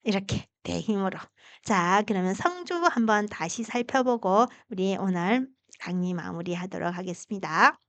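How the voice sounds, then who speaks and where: A woman teaching Chinese pronunciation, patiently demonstrating tones with long drawn-out vowels. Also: medium pitch, lively intonation, a bit bright, dry recording. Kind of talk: pronunciation lesson.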